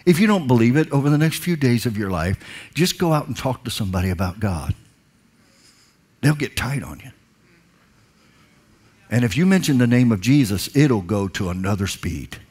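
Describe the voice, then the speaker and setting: A man's voice: a little high, husky. Dynamic preaching man on stage. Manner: dynamic preacher, swings from hushed to loud emphatic calls. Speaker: pastor. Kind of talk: sermon. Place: large dark stage, indoors. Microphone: headset mic.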